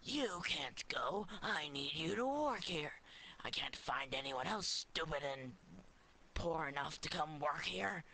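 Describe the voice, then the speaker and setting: A man's voice: fairly high pitch, lively intonation, takes it slowly, creaky, sharp tone, slight background noise, pitched above the performer's own voice, full character voice. A man voicing a mean farm boss who barks scornful orders. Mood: outraged. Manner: scornful, barking.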